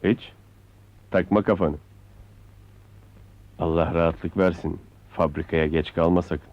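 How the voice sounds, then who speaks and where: A man's voice: deep voice, steady tone, takes it slowly, dry recording. An actor playing a sly neighborhood man who needles a young couple in an old film. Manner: sardonic, needling. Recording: dry, dull film soundtrack.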